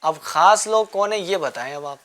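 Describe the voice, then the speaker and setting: A man hosting a children's religious show, coaxing the kids with repeated questions and gentle teasing. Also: high-pitched. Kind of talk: quizzing children in a studio class.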